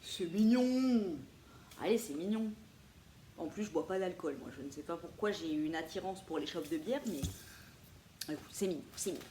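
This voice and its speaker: A woman's voice: low-pitched, fairly quick. A woman, chatting casually and playfully to viewers about her thrift finds. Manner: chatty, animated, laughs often, playful asides. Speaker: vintage thrift haul vlogger. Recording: echoey room with faint ambient noise.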